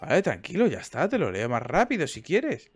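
Excitable, foul-mouthed Spanish gamer man. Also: on the high side, fairly quick. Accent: Spain Spanish. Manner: loud, excitable and crude, swinging to mutters. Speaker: streamer. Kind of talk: gaming let's play commentary.

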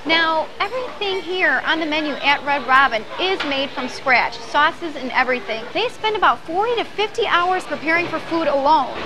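A woman's voice: high-pitched, lively intonation, moderate pace, hardly any pauses, over music. A young woman hosting a local TV segment, presenting upbeat and scripted and asking interview questions in a restaurant. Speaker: TV show host. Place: restaurant dining room, indoors.

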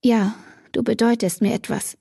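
A woman's voice: fairly high pitch, little pitch movement, moderate pace, creaky, dark tone, slightly rough, no echo, studio quality. A woman voicing an emotional teenage girl, tearful and torn, her voice rising and breaking.

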